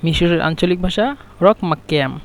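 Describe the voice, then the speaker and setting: Male language teacher, somewhat high voice, patient step-by-step drilling of phrases. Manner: repeats phrases slowly and explains pronunciation. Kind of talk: spoken language lesson.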